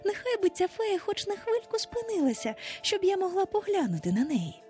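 A woman's voice: extremely high pitch, sing-song, normal speed, a little mellow, soft background music, pitched above the performer's own voice. Woman putting on a wide-eyed little girl. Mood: curious. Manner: wide-eyed, full of questions. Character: curious, eager young girl.

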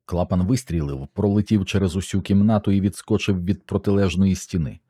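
A man narrates a first-person action story with steady tension. His voice is low and dark, with a husky grain. The recording is close and dry. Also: fairly quick, no echo. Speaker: audiobook narrator.

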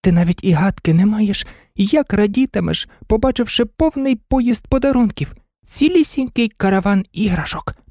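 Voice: mid-range voice, expressive, normal speed, darkish tone, dry recording, studio quality, voice pushed up, close to an everyday voice. A narrator voicing a small, devoted dog who eagerly talks to his lost friend in his head, in a storybook reading.

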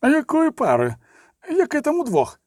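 A man's voice: very high-pitched, wildly swooping pitch, normal speed, a little mellow, no room sound, clean studio sound, voice pushed up, exaggerated voice. A man voicing a short, wiry thug who speaks pushily and brashly. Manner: pushy and brash.

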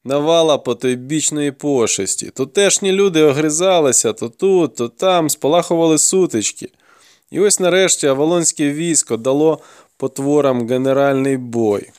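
A man voicing a hardened, grim male warrior who questions a captive in a gruff, mocking way. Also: on the high side, normal speed, a little mellow, no room sound, clean studio sound, lightly acted.

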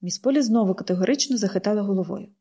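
A woman narrating an audiobook in a calm, measured reading voice. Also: medium pitch, husky. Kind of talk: scripted narration.

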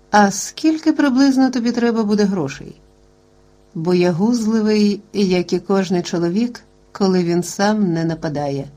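A woman reading a novel aloud as narrator, in a calm, even voice. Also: mid-range voice. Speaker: audiobook narrator.

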